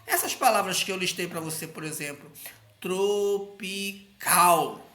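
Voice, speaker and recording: A woman's voice: on the low side, very animated, fast talker, sharp tone. A woman teaching a grammar lesson, explaining patiently and drawing out each example word. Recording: echoey room.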